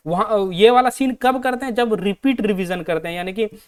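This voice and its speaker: Speaking in a high, clean voice, an Indian teacher with a Hindi accent runs an exam-prep class that mixes Hindi and English. He poses questions, repeats them to the students, answers them himself, and reads the English sentences slowly.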